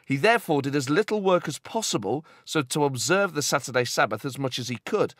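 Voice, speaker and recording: Podcast host guy, playful teasing, really swingy pitch, dry mic. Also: expressive, a little fast, a bit bright, dry recording. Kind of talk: casual chat with mock-serious scripted bits.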